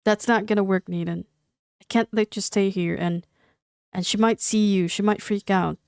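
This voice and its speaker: A woman's voice: medium pitch, fairly even intonation, creaky, a little mellow, clear, resonant tone, no echo, clean studio sound, close to an everyday voice. A woman reading as a flustered, firm young woman. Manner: stammering, hurried.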